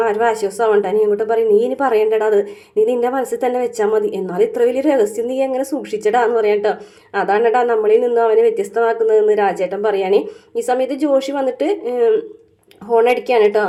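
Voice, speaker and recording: A woman's voice: a little high, mellow. A woman casually retelling a TV serial episode, full of fillers and tag words. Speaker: serial recap vlogger.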